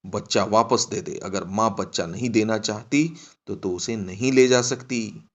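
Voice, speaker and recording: A man's voice: lowish voice, a little slow. A man playing a stern railway constable who barks firm orders. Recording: dull lo-fi recording.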